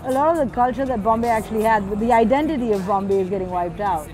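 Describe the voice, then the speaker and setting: This woman, a Swiss-raised graffiti artist in her 30s, talks fast in a fairly high voice, reflecting in a documentary interview and restarting slightly as she works through thoughts. The poor audio picks up crowd noise along with hip-hop music underneath.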